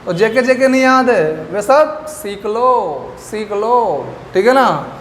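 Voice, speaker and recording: A man's voice: high-pitched, animated, takes it slowly, fairly bright tone. A man teaching a lecture class, asking questions and answering them himself with memory tricks. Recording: echoey room with faint background noise.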